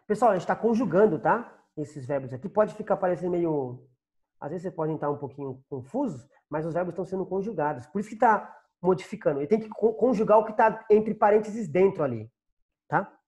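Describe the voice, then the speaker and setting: A man's voice: high voice, expressive, fairly quick, darkish tone. A Brazilian Portuguese-accented man teaches a class over a video call, his voice rising and falling a lot as he explains. He goes patiently, repeating and translating every phrase, and the sound comes through a plain computer mic. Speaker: Spanish teacher.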